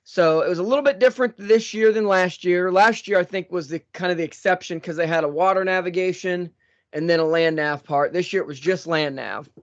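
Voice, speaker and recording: Breathless, high-voiced male podcast host. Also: a little fast, no room sound. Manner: rambling with many fillers and restarts. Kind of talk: casual show intro and chat. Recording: dull lo-fi dry sound.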